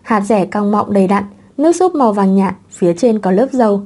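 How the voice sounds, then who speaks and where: Narrator nữ giọng trầm ấm. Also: female voice, medium pitch, animated, brisk, dark tone. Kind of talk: audiobook narration of a web novel.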